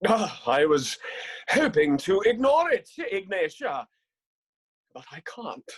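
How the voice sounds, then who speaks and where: A weary male doctor, voiced by a man, speaks slowly and solemnly in a comic audio drama, his husky voice rising and falling dramatically. Each line sounds heavy and resigned. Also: high-pitched, big pitch swings, full character voice.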